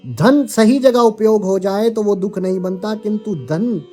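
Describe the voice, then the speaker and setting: Calm guy giving a spiritual sermon, warm mellow voice, faint music under it. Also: high-pitched. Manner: calm, measured, addresses listeners as seekers. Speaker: spiritual teacher. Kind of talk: devotional spiritual discourse.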